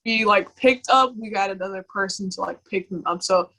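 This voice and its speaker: A young woman with a bright, clear voice. She shares personal memories in a candid conversation and keeps halting, circling back with fillers and restarts. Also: medium pitch, poor audio. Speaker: guest.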